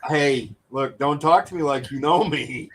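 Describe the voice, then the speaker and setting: A man with a slightly raised pitch trades jokes and curses in a loose, bantering chat. He talks casually and teases his friend. There is an easy podcast-style feel to the way he speaks. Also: husky, poor audio. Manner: profane, joking and teasing.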